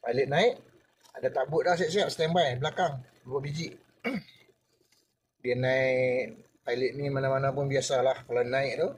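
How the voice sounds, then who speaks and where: Slightly slow and steady in tone, this medium-pitched man is an older ex-deckhand with a Malaysian Malay accent. He chats casually through a story as if to a younger listener, imitating other people's words, while a little hiss or hum runs underneath.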